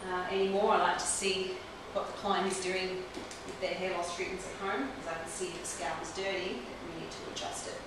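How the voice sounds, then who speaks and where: Brisk and with hardly any pauses, a woman in her forties, a trichologist, explains a technique step by step while working on a client in a small clinic room. Her voice is lowish with little pitch movement. A camera mic across the room records roomy echo and clear hiss.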